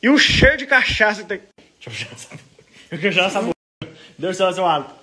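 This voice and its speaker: Lively high-voiced man. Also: fast, husky. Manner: lively, teasing and laughing with animals. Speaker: vlogger. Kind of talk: casual vlog chat.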